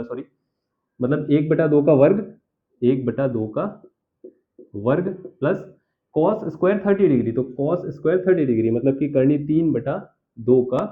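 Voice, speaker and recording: Man teaching math on tinny audio. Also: medium pitch. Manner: talks himself through each step, keeps checking "theek hai sir". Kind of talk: blackboard math lesson.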